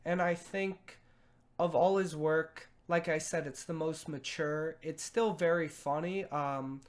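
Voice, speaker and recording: A young man giving a casual spoken film review, hesitant, with lots of pauses and restarts. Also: on the high side, steady tone. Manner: hesitant, many fillers and restarts.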